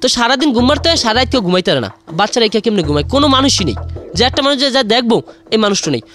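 A man's voice: very high voice, very animated, very fast, a bit bright, soft background music. A young man, rambling through an emotional personal story as a radio caller and saying "brother" again and again. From Bangladesh. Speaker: caller sharing a confession.

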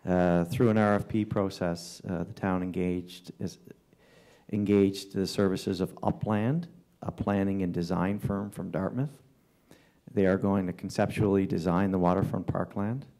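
Male councillor, dark, mellow timbre, halting report full of fillers. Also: sits low, steady tone. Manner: halting, with many fillers and restarts. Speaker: town councillor giving a report. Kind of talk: formal council report with ad-libbed remarks. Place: council chamber.

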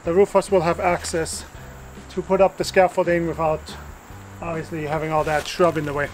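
A man's voice: a little high, flat delivery, normal speed, music in the background. A man outdoors in an overgrown yard plainly explaining his work to a camera some distance away. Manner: plain, matter-of-fact explaining. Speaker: vlogger renovating a house.

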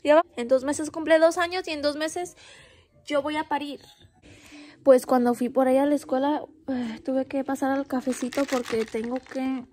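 Breathless pregnant woman with a high, joking voice. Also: fairly even intonation, normal speed, darkish tone. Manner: joking, switches between Spanish and English. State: heavily pregnant, short of breath. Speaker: vlogger. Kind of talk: casual vlog chat.

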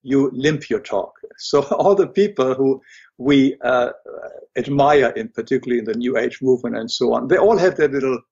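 An older man with a German accent, an illustrator and writer, speaks as a guest in an interview. He hesitates, pauses often, and restarts sentences with many fillers, in a husky, slightly breathy, darkish voice of medium pitch. The audio is dull and lo-fi.

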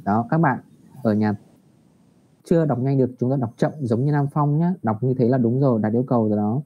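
Male teacher over a video call, patient and encouraging with young pupils, drawing out English phrases slowly, muffled sound. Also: medium pitch, a little hiss or hum. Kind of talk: online English lesson for primary children. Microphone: computer mic on a video call. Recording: dull lo-fi video call audio.

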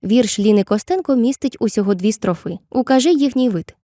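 A woman narrating a scripted literature lesson with clear, measured explanations, slowing down to read poem lines. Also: on the high side, lively intonation, dark tone, no room sound. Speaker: teacher.

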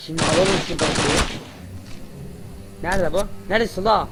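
Loud young man gaming, gunfire. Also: sits high, moderate pace, very noisy. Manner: loud, cursing, shouting at enemies. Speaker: gaming video creator. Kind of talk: casual gameplay commentary. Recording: loud game gunfire behind the voice.

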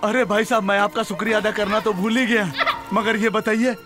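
A man's voice: high-pitched, little pitch movement, a little fast, lightly acted. An actor playing a poor, sick rickshaw-pulling father in a film drama, pleading and consoling. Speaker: film character. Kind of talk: melodramatic film acting. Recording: film soundtrack with loud music.

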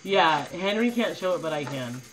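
A woman's voice: lowish voice, lively intonation, moderate pace, soft background music, rough recording. A young woman chatting casually on a livestream from her kitchen into a phone, rambling with constant "like" fillers and blunt swearing.

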